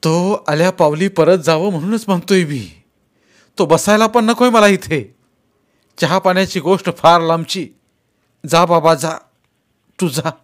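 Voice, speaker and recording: A man's voice: on the high side, unhurried, long pauses, pitched above the performer's own voice. A man doing a shaky, frightened old father. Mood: insistent. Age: older. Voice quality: trembling, agitated, tearful.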